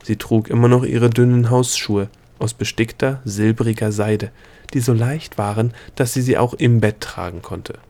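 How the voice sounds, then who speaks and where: A man reading a fantasy novel aloud as narrator, calm and even in his storytelling. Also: medium pitch, normal speed, vocal fry. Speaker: audiobook narrator. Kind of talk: scripted narration.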